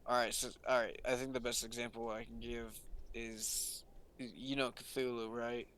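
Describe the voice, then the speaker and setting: A man's voice: mid-range voice, level tone, normal speed, a bit bright, slight background noise. A man co-hosting a casual podcast chat, explaining things in a rambling way with restarts. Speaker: podcast co-host.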